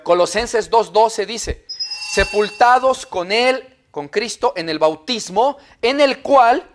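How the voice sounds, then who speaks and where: A male pastor with a Mexican Spanish accent preaching a conversational sermon. He is lively and informal and keeps checking in with tag questions. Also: high-pitched, slow, background noise.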